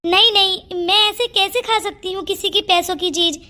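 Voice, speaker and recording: A shy, humble village girl in a cartoon story, as a woman voices her. Her voice is very high. She is polite and quick to apologise. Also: fairly even intonation, bright, forceful tone.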